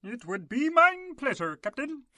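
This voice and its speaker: A man's voice: extremely high pitch, big pitch swings, a little slow, very noisy, full character voice. A man voicing an eager superhero. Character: eager male German superhero.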